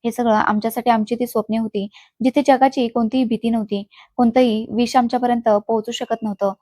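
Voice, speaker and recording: Woman doing an earnest young man in love, soft mellow tone, even delivery. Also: a little high, fairly quick, no echo, lightly acted. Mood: tender. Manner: tender, earnest promises.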